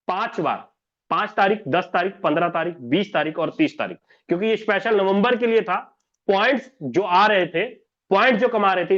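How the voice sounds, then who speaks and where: A man's voice: high voice, a bit bright, highs cut off. A man explaining a plan step by step on a whiteboard, repeating himself and answering his own questions. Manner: repetitive, asks and answers his own questions, addresses viewer as sir. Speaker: presenter explaining an income plan.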